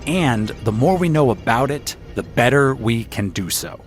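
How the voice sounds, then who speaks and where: A podcast host reads a scripted intro from his home closet, then chats eagerly with his team over soft background music. His medium-pitched voice is expressive and a little slow, and he is enthusiastic and self-deprecating, often stumbling over his words.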